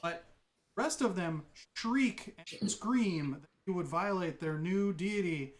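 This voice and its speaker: A man's voice: high voice, animated, unhurried, a little hiss or hum. Man running a tabletop game as dungeon master.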